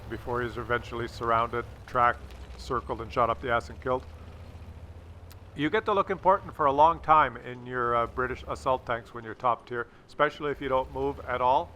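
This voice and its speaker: This male gaming host talks over a replay in a casual, wry, sarcastic way, full of teasing and crude humor. His voice is bright and forceful at a medium pitch, with faint game sounds in the background.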